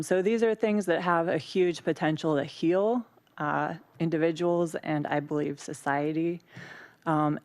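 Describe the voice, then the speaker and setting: A woman's voice: deep voice, darkish tone, dry recording. A woman speaking off the cuff at a city council public comment, hesitant and full of ums. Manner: hesitant, many ums and uhs.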